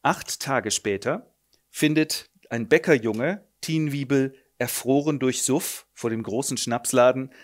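A man's voice: medium pitch, unhurried. A man hosting, retelling a classic novella in a playful, comic storytelling manner. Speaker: host.

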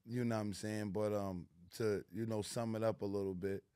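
Man, New York accent, middle-aged, low voice, laid-back street talk, dry studio mic. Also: fairly even intonation, moderate pace, warm tone, smooth, no room sound. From New York City. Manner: laid-back street talk with many "you know what I'm saying" fillers. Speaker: guest. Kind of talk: casual interview. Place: small studio lounge with plants, indoors. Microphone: studio mic on a boom arm.

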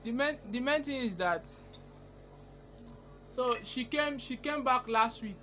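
A young adult man makes a casual prank call, hesitant and stammering, filmed on a phone camera held at arm's length. His voice is very high-pitched and animated, with a sharp tone and a measured pace.

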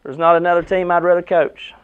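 High-pitched American coach giving a pep speech. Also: male voice, flat delivery, fast, clean tone, phone-quality sound. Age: middle-aged. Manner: motivational, emphatic, short punchy phrases with rhetorical questions. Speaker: basketball head coach. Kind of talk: pregame locker-room pep speech to the team. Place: indoor team locker room. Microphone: camera a few metres away.

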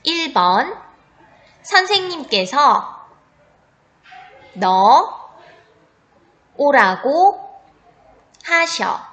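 A woman's voice: sits high, very animated, drawn-out words, long pauses, fairly bright tone. A woman teacher dictating test sentences to children phrase by phrase, enunciating carefully and reading the punctuation aloud. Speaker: teacher giving a spelling test.

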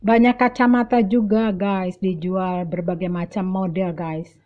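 Walking through a large indoor shopping mall, a middle-aged woman vlogs chattily and casually, talking straight to viewers and often repeating words. Her medium-pitched voice is steady and unhurried, captured in narrow, tinny audio.

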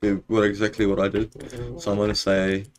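A man's voice: fairly low pitch, completely flat delivery, brisk, slight background noise. A young man with a broad New Zealand accent, chatting casually and slangily in a laid-back way while streaming a game. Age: young adult. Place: small indoor room at home.

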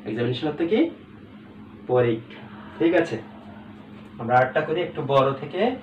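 Male teacher, mid pitch, patient syllable drills; roomy, distant mic with faint room noise. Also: big pitch swings, muffled recording. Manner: spells out words slowly syllable by syllable, checks in with "ঠিক আছে?". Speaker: English teacher. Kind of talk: recorded classroom lesson. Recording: echoey room, away from the mic, faint background hum.

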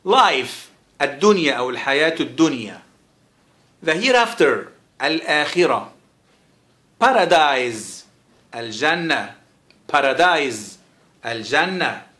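An Egyptian man teaches vocabulary with a bright, slightly high voice. He stretches each English word out slowly and says it again and again. The room gives his voice a roomy echo. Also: big pitch swings. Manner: says English words very slowly and repeats them, then explains quickly. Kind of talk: vocabulary lesson with slow repetition.

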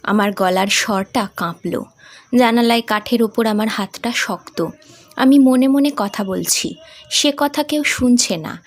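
A woman hosting and narrating a short story in a calm, measured reading. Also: fairly high pitch. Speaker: storyteller, channel host.

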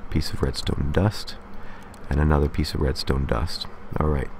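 The tutorial host's voice is a rumbling, gravelly low with a darkish, steady tone at normal speed, plus a little hiss or hum. Walking through how to build a game casually and methodically, he frequently pauses on a brief "okay."

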